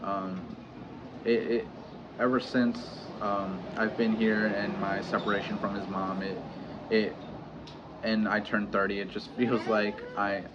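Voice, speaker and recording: At home in Mexico, a vlogger in his thirties with a lowish voice talks candidly about personal matters. He is hesitant and halting, with many pauses, restarts, and fillers. The audio is dull and lo-fi with steady noise underneath.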